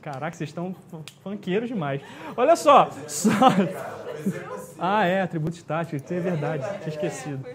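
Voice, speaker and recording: A man's voice: fairly high pitch, lively intonation, fairly quick, crowd noise. A man teaching a live exam-prep class, chatty and jokey, often checking in with his students.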